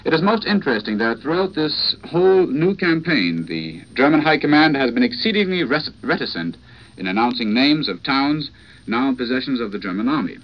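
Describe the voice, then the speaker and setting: A foreign correspondent, out of breath, giving a formal live news report over an old 1940s radio broadcast. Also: male voice, medium pitch, big pitch swings. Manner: formal, measured delivery with restarts. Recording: dull lo-fi vintage radio with faint hiss.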